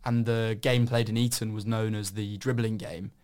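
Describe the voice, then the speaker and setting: A man's voice: on the low side, level tone, normal speed, a little mellow, smooth. A man talking through ideas as a podcast co-host. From Somerset, southern England. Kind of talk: discursive discussion.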